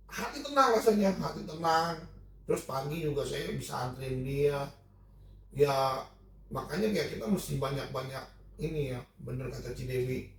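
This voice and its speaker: A man's voice: medium pitch, far from the mic, a little hiss or hum. A middle-aged man tells a personal testimony to his church group in a casual, emotional way, often repeating and restarting his phrases. His voice bounces around a very echoey room. He sits some way back from the mic. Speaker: church small-group member sharing testimony.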